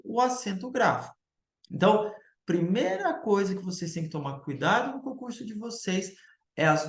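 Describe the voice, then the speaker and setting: A male teacher giving a recorded grammar lecture, explaining step by step and checking in with the class through quick tag questions. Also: fairly high pitch, echoey room.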